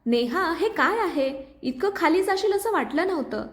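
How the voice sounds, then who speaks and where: A woman reading the part of an angry young husband who speaks in an indignant, sharp way. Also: a little high, measured pace, voice pushed down. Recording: roomy echo.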